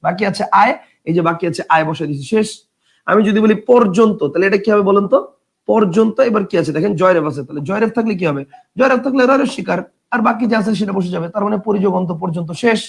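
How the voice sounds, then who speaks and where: Gravelly, high-voiced man teaching. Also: fast talker. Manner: repeats key phrases, asks students questions; reads out viewer comments. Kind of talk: online grammar class.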